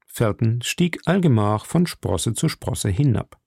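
A man narrates an old adventure novel with slow, measured care. His voice carries a gravelly fry at a medium pitch. The recording is dry and close, with no room sound. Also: animated, a little mellow, dry recording. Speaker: audiobook narrator. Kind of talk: scripted narration.

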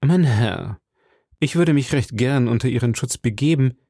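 A man's voice: medium pitch, normal speed, mellow, dry recording, clean studio sound, lightly acted. Man reading as a cold, proud noblewoman. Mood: cool.

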